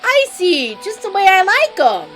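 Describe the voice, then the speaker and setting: A woman's voice: extremely high pitch, huge pitch swings, measured pace, fairly bright tone, soft background music, voice pushed up, exaggerated voice, rough recording. A woman voicing a sleazy, swaggering middle-aged male mobster with a put-on New Jersey accent, reading game dialogue on a live stream. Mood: leering. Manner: brash, teasing mob-guy drawl.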